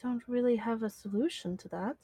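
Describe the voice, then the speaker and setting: A woman's voice: fairly high pitch, fairly quick, warm tone, slightly rough. A woman playing in a tabletop role-playing game who chats casually and hesitates as she thinks aloud. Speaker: player.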